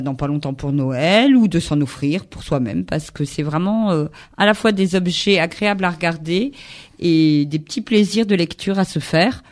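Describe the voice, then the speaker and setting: A radio host leading a lively book chat, who often finishes the guest's sentences. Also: medium pitch.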